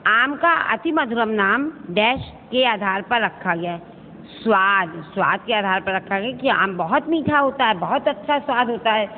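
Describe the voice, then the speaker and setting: A woman, a Hindi school teacher, works through a worksheet for her students, explaining each answer step by step and often asking whether they understand. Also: mid-range voice. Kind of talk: recorded online lesson going through a worksheet. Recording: echoey, tinny phone-like recording with faint hiss.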